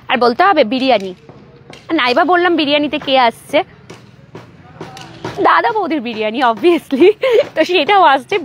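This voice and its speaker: Bengali woman host, high voice, talkative live-stream style, keeps checking in with viewers. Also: fairly bright tone. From West Bengal, India. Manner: chatty, keeps asking "ঠিক আছে?" to viewers. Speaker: local vlog host. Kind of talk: casual live-stream chat.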